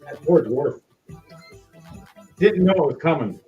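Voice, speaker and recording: Game master, male: lively swooping delivery, casual and theatrical, lo-fi sound with music underneath. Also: a little high, a little slow, distant mic. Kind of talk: animated tabletop game narration. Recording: dull lo-fi audio with music.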